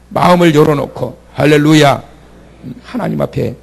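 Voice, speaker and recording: Male pastor, church sermon, raspy and gravelly, keeps quizzing the congregation. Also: a little high, unhurried. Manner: conversational preaching, asks the congregation questions and has them repeat after him. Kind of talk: sermon at a prayer meeting. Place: church sanctuary.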